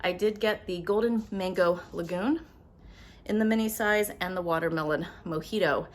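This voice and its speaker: A woman doing a casual product haul vlog at home, chatty and upfront, talking quickly to the camera. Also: lowish voice. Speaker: beauty vlogger. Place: at home with windows open. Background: faint household noise, dog walking around.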